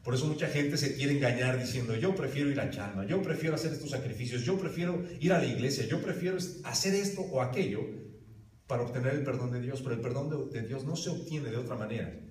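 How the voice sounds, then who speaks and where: A man's voice: medium pitch, fast talker, darkish tone. A man preaching a sermon to his congregation, emphatic, putting questions straight to his listeners. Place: church hall. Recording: roomy hall from a distance.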